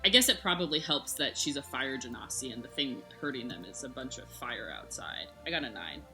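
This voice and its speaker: A woman's voice: a bass voice, animated, a little fast, sharp tone, soft background music, rough recording. A woman speaking as a player in a tabletop role-playing game, thinking aloud with fillers. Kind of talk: casual tabletop game chat.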